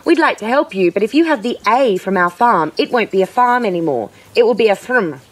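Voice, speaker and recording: A woman's voice: medium pitch, animated, a little fast, natural voice. A woman voicing a group of sympathetic farm animals who explain things apologetically. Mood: apologetic.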